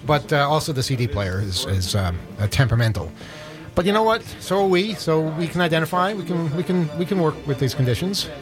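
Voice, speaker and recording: A man's voice: fairly high pitch, lively intonation, brisk. Rambling male radio host over a music bed. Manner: rambling, self-deprecating, stumbling restarts. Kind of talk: casual on-air banter. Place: radio studio.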